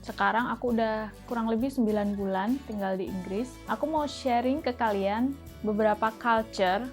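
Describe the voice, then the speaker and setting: A woman's voice: a little high, normal speed, faint music behind. A young woman from Indonesia talking to camera in a casual, chatty vlog, full of little fillers. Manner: chatty, frequent fillers like nah and gitu. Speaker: vlogger living abroad.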